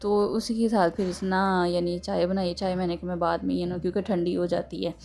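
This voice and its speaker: A chatty woman talks through her housework in a rambling, homely way, leaning on small fillers. Her voice is dark and mellow with a gravelly edge and a slightly sore throat, recorded at home in a kitchen. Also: on the low side, level tone, moderate pace, soft background music. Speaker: home vlogger. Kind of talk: casual chatty home vlog narration.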